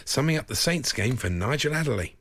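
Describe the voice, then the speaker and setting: A man's voice: medium pitch, lively intonation, a little fast, fairly bright tone, a little hiss or hum. A man co-hosting a radio show, bantering casually and laughing easily. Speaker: radio co-host.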